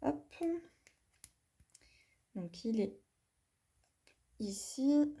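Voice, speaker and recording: Woman, craft vlogger, hands-on tool demo, slightly high voice, unhurried, chatty step-by-step. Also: animated, gravelly, mellow, breathy edge. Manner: chatty, talks viewers through each step with many "voilà" and "hop"; apologetic about her English pronunciation. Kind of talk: hands-on product demonstration.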